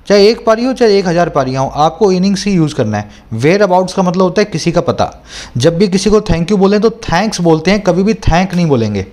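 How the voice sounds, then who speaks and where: A young man teaching English for exams, explaining words slowly and repeating each term in two languages. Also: high voice, darkish tone. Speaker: English tutor. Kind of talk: exam-prep lesson.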